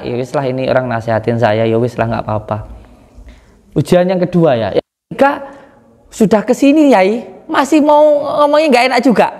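A man giving a casual spoken account to a religious teacher, animated, his voice climbing high when he is indignant. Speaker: guest speaking to a kiai. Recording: long hall reverb.

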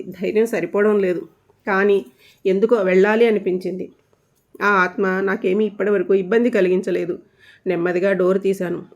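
A woman narrating a scripted ghost story in steady, suspenseful storytelling. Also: medium pitch, highs cut off.

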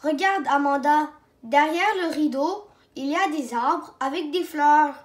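A woman reading a storybook aloud, voicing an eager, shy little boy who exclaims with excitement. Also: high-pitched, unhurried. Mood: excited. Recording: roomy echo.

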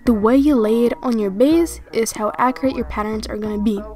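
A woman's voice: on the high side, a little fast, a little mellow. A woman giving frank, self-deprecating craft tips while speaking from inside a mask. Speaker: fursuit maker. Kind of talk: casual tutorial voice-over.

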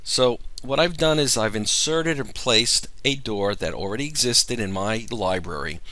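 Male tutorial narrator, low and crisp, walks through the steps calmly over a close mic. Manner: measured, explanatory walkthrough. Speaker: software demonstrator. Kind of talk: screen-recorded software tutorial.

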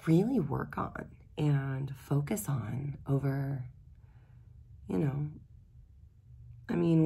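A woman who is losing her voice, speaking hoarsely and reflectively as she gives a daily tarot reading. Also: sits low, dark tone. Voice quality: gravelly, husky voice. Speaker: tarot reader.

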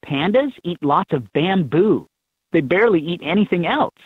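Voicing an upbeat, instructive helper for a children's educational game, a man reads scripted instructions in a high, slightly rough voice that's animated and moderately paced. The recording has no echo but sounds tinny and band-limited, as in handheld game audio.

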